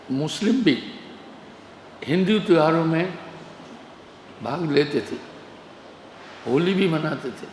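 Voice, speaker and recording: A man's voice: fairly high pitch, a little hiss or hum. A man giving a sermon as a spiritual teacher, telling stories with humor. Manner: relaxed storytelling with humor. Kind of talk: sermon with anecdotes. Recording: echoey hall with long reverb.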